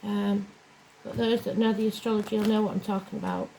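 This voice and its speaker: Speaking a little fast with a flat delivery and warm, mid-range tone, this tarot and astrology reader hosts a weekly zodiac reading. Her horoscope talk is informal, plain, and rambling, captured in a rough recording with a fan whirring noticeably behind her.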